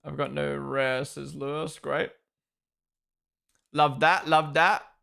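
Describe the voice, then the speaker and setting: Chatty gravelly young man streaming commentary. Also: a little high, little pitch movement, takes it slowly, bright, forceful tone. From Australia and New Zealand. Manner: chatty, opinionated, talks to chat. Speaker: streamer hosting a race watchalong. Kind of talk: casual live commentary.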